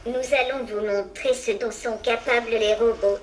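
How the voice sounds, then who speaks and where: A small humanoid robot speaks in a synthesized, female-sounding voice that sits on the high side. Its robot voice is polite and even, with a slight hiss of noise behind it. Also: moderate pace. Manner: polite, formal, even delivery. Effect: synthesized robot voice from a speaking machine. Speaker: demonstration robot answering a presenter.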